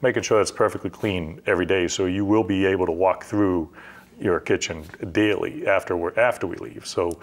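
A man's voice: deep voice, steady tone, a little fast. A middle-aged man, a construction company owner, explaining the stages of a job step by step in a practical, conversational way on a TV studio set. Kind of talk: explanatory interview talk.

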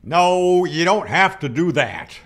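An older man in his 60s or 70s, an amateur radio instructor and host, gives an explanatory tutorial from a room in his home. He speaks plainly and emphatically, answering his own questions, in a slightly high, sing-song, slightly bright voice at a slow pace. A close studio microphone on a boom arm picks him up.

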